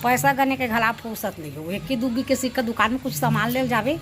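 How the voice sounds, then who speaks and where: A woman's voice: on the high side, fairly quick, a bit bright, slight background noise. An older woman with a Chhattisgarhi accent chats in a rambling, reminiscing way, grumbling about modern ways and circling back over her phrases. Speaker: family elder in a home vlog. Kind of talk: rambling reminiscence in casual chat.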